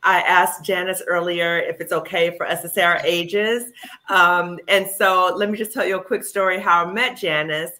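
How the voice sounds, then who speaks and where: A woman in her fifties, a psychologist hosting a podcast, talking in a chatty, animated way with plenty of fillers. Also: on the low side, moderate pace. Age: 50s. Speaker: clinical psychologist, podcast host. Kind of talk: casual podcast interview.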